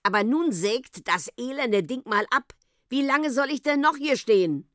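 A woman's voice: high-pitched, animated, measured pace, fairly bright tone, no room sound, studio quality, pitched above the performer's own voice. A woman voicing a stubborn, cheeky young boy in a storybook reading, plain and matter-of-fact. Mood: blunt.

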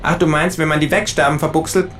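A man's voice: a little high, level tone, fast, fairly bright tone, faint music behind, voice pushed up, natural voice. A man voicing a cheeky, scrounging male kangaroo who twists words slyly in a comic audio story. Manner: twists words, sly and mock-innocent.

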